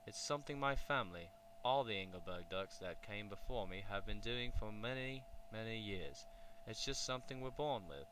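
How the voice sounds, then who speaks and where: A man voicing a jolly magical duck gentleman with a British accent in a children's storybook, polite and cheerful, over a faint hum. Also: fairly low pitch, animated, moderate pace, hardly any pauses, lightly acted. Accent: British English.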